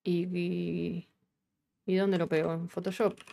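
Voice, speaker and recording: A woman with a Rioplatense Argentine accent, her voice sitting a little low. She hosts a casual live coding stream, talking her way through the work. She thinks aloud and swears without a second thought. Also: level tone, takes it slowly, vocal fry, dark tone. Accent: Rioplatense Argentine Spanish.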